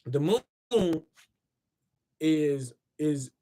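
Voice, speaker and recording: A man's voice: on the high side, lively intonation, drawn-out words, warm tone. Tired man reading his book on a livestream. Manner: loose, talks to viewers, repeats words, calls for them to say things back. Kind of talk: casual livestream reading with asides. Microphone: phone or computer mic on a livestream.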